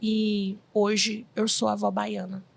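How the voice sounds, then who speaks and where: A woman's voice: mid-range voice, takes it slowly, vocal fry. A woman in her forties, a medium from Brazil, telling her life story in a casual interview and acting out the voices she quotes. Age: 40s. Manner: animated storyteller who acts out quoted voices.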